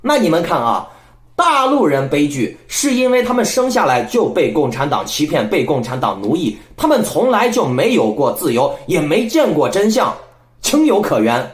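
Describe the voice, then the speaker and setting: A man delivering political commentary as the host of his own channel, speaking a little high and swinging his pitch up and down in a lively way. He lectures and scolds, keeps turning to his listeners to ask if they agree, and sounds like he is in an echoey room. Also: moderate pace. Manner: rhetorical, keeps asking listeners "right?".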